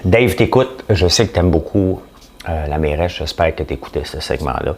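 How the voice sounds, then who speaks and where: A man's voice: deep voice, animated, moderate pace, a little hiss or hum. A man with a Quebec French accent hosting a podcast, talking bluntly in a casual opinion monologue full of jokes and rhetorical questions. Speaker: podcast host.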